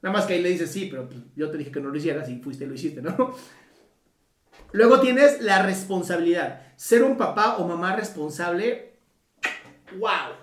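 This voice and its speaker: A man's voice: high voice, expressive, moderate pace. Mexican therapist guy talking casual, swears a lot, lots of "right?", sounds echoey n far from the mic. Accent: Mexican Spanish. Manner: colloquial, swears freely, frequent tag questions. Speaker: Gestalt psychotherapist. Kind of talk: casual motivational talk. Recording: roomy echo, mic at a distance.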